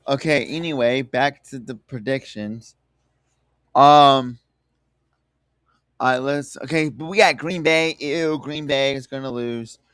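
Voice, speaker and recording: A man's voice: medium pitch, unhurried, pauses often, a bit bright, smooth, no echo, studio quality. A man with a Southern US accent and drawl, chatting casually as he hosts a sports prediction livestream.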